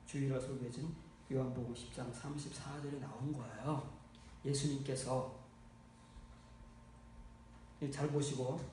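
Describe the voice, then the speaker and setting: A man preaching a sermon as pastor, blunt and scolding, swinging from low murmurs to loud exclaims. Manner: lively, shifts from low muttering to loud exclaiming. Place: church. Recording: echoey church hall, mic far off.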